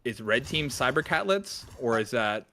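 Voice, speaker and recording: A man calling a video game match as co-caster, joking between quick play-by-play calls. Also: medium pitch, lively intonation, sharp tone, a little hiss or hum. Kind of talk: play-by-play esports commentary.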